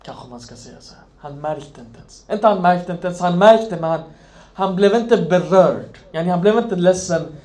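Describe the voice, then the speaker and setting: Guy preaching a sermon, high voice, gets loud then drops way down quiet. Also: expressive. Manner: impassioned, swinging from loud to hushed. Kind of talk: Islamic sermon.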